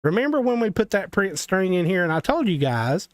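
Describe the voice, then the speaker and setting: On a laid-back game development tutorial stream, a Southern-accented man chats with viewers, wanders off topic, and pokes fun at himself. His high, sing-song voice moves fairly quickly, and there's no room sound.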